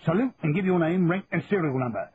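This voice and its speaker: A man voicing a gruff sergeant major who barks his orders. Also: fairly high pitch, lively intonation, quick pace, a crowd in the background, pitched above the performer's own voice, lightly acted. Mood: barking. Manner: barking, commanding. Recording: tinny phone-like, faint hiss.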